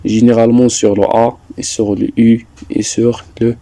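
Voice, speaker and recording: A man teaching a French lesson, explaining slowly and deliberately, repeating points with some hesitations. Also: medium pitch, little pitch movement, warm tone, no echo. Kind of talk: slow classroom explanation.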